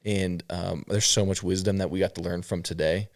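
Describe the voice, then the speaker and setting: Low-voiced man hosting a podcast. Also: steady tone, normal speed, no echo, clean studio sound. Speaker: podcast host. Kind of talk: casual podcast interview.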